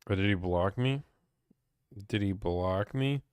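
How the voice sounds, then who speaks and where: A man's voice: fairly low pitch, slow, darkish tone, smooth, dry recording. A young man from Pittsburgh, chatting casually as he reads and answers viewer questions about car buying on a live stream.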